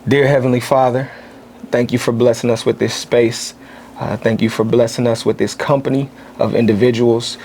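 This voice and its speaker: A thirty-six-year-old man from Kansas City speaks as a guest in a relaxed interview. His voice sits at an ordinary pitch for a man, and he talks thoughtfully, pausing often as he finds his words. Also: slight background noise. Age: 30s. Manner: thoughtful, pauses with "uh" and "um". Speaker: podcast guest, actor.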